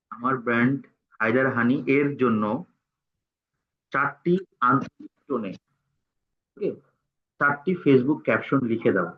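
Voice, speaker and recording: A man, teaching a tutorial and dictating word by word as he types. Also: mid-range voice. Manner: halting, dictates word by word while typing. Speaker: instructor. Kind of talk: screen-recorded tutorial. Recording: tinny phone-like sound.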